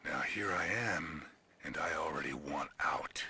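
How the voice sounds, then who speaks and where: An actor playing a nervous contractor who secretly sells gear, talking in a hushed, furtive way in a video game. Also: male voice, very deep voice, unhurried, slight background noise, heavily acted. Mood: uneasy. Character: nervous male contractor selling gear on the sly.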